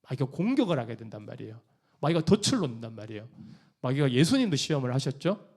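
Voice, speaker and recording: Lively pastor preaching. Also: male voice, mid-range voice, fast talker. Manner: animated, acts out quoted church members in raised voices. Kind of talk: sermon.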